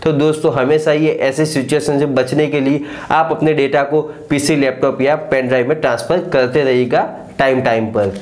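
A man's voice: mid-range voice, steady tone, moderate pace, few pauses, a little mellow. A man in his thirties hosting a tech channel, giving scripted, earnest advice to camera in a small living room on a lapel mic, and he keeps calling his viewers his friends. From India. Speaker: tech YouTuber host.

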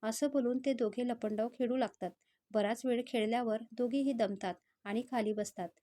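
A woman storyteller reading a romantic story in a steady, scripted narration. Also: fairly high pitch, moderate pace.

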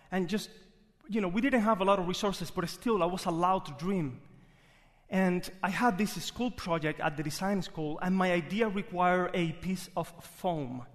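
A man with a Cuban Spanish accent telling a personal story live on stage, earnest and reflective. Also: sits high. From Cuba. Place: theater stage. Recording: live theater hall reverb.

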